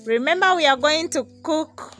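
With faint music playing behind her, a young Ugandan woman, Luganda her first language, hosts a casual vlog from a village yard, addressing a camera on a tripod a few meters away. Her high, slightly bright voice moves at a moderate pace while she greets viewers, keeps calling them "guys" and thanks them often.

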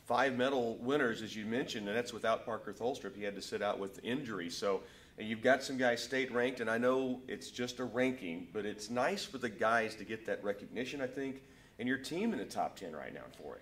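Brief: middle-aged male sports host, mid-pitched, smooth and chatty. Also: brisk, fairly bright tone. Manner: smooth, scripted intro then chatty questions. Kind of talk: local sports interview hosting. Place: school wrestling room, indoors.

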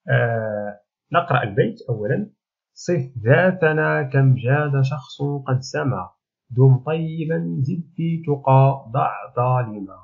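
A man teaching a recorded remote lesson, explaining patiently step by step with frequent pauses. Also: medium pitch, slightly rough. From Morocco. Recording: tinny phone-like audio.

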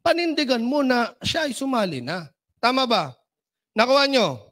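High-voiced man coaching an audience. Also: moderate pace. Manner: animated, keeps asking the audience for agreement. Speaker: business trainer. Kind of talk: motivational seminar talk.

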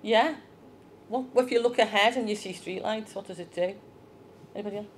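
A woman's voice: medium pitch, brisk, slight background noise. A woman giving a chatty children's talk in church, asking the young ones questions.

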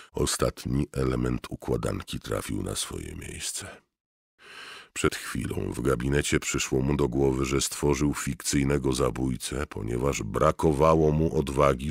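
Very deep gravelly male narrator. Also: dry recording, clean studio sound. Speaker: audiobook narrator. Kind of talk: scripted narration.

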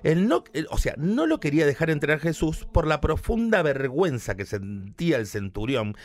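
A man with a Rioplatense accent retells a Bible story for laughs in a flamboyant, theatrical way. His voice sits a bit high and swings widely. He keeps breaking into shrieking put-on voices. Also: sing-song, normal speed. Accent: Rioplatense Spanish. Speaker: radio comedian.

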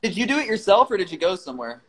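Streaming casually from his phone, a man jokes around with viewers as they join, swearing freely and keeping things loose. His voice is high-pitched with big swings in pitch, he talks at a racing pace, and the audio quality is poor.

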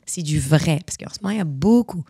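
A Moroccan woman, a coach appearing as a guest speaker, chats casually in an interview, animated and slipping English words into her French. Her voice is deep, creaky, and edged with breath, and she talks fast. The recording is dry and studio quality.

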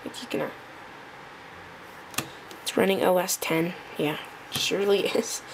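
A woman presenting a casual tech demo off the cuff, halting and thinking aloud as she goes. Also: lowish voice, steady tone, vocal fry. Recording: noticeable background noise.

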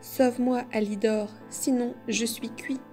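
Woman reading a small wooden puppet boy, scared and pleading, mellow soft voice, storybook. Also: a little high, moderate pace, faint music behind, natural voice. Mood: faint pleading. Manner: pleading, trembling.

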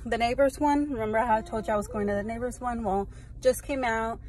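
A woman's voice: a little high, fairly even intonation, fairly quick, darkish tone. A young adult woman, a mother, chatting casually and teasing playfully in a vlog from a car. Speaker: vlogger and mother. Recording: car and street noise behind.

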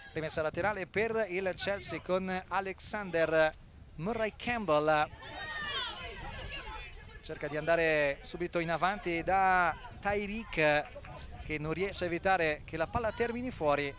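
A man giving live play-by-play football commentary, descriptive and flowing, lifting with the action. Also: high voice.

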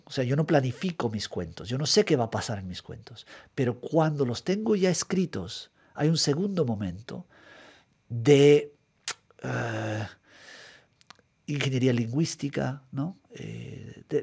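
A middle-aged Guatemalan writer gives thoughtful, methodical answers in a studio radio interview, frequently repeating words while searching for them. His mid-range voice is creaky, husky, and somewhat dark in tone. He speaks into a studio microphone.

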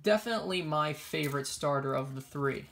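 Sitting at a table in a small room indoors, this young trading card collector and video host chats casually through a show-and-tell of his collection. His voice runs on the high side, a little fast and fairly bright, with vocal fry, and his enthusiasm comes through.

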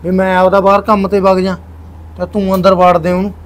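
A man's voice: high voice, monotone, brisk, lightly acted. A young man playing a controlling husband with a secret in a short film, insistent and brusque. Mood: scheming. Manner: insistent, brusque, repeats himself. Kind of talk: Punjabi short film acting.

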